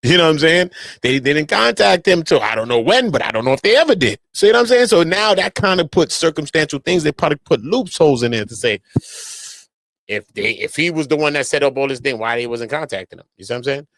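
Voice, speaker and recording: Talking fast and animated, an American man with a high-ish, slightly bright voice breaks down criminal cases in slangy street commentary. Now and then he reads documents out loud, punching his words and looping back to the same stock phrases.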